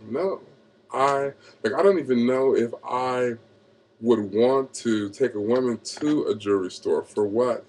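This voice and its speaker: A man speaks in a fairly low voice with plenty of gravelly fry. He delivers a casual, off-the-cuff opinion monologue like a vlogger. His talk wanders and hesitates as he questions and corrects his own argument. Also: darkish tone. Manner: rambling, hesitant, thinking aloud.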